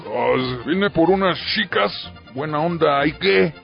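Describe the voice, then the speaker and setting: A man with a Mexican accent playing a crude, bigoted older politician in a radio comedy sketch, gruff and blustering. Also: a little high, expressive, slow pace, soft background music, exaggerated voice. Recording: lo-fi radio broadcast.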